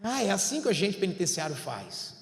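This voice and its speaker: Pastor guy preaching, high voice, goes from soft to yelling, big echoey church with long reverb. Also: very animated, brisk. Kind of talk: sermon. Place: large church hall.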